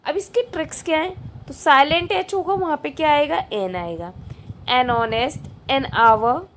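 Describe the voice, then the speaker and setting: A woman's voice: sits high, normal speed, a bit bright, slight background noise. A woman teacher going through an exam prep lesson, asking questions aloud and answering them herself, repeating the key answers.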